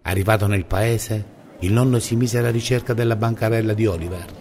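A man narrating a children's story in a calm, measured way. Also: fairly low pitch, slight background noise.

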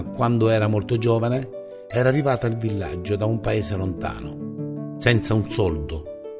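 A man narrating a children's story in a calm, measured way. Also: fairly low pitch.

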